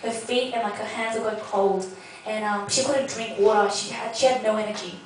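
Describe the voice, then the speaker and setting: A woman's voice: mid-range voice, fairly even intonation, normal speed. Young woman, earnest testimony, heard from a distance in a very echoey space with faint noise. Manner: earnest, heartfelt storytelling. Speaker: speaker sharing a personal testimony. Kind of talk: spoken personal testimony.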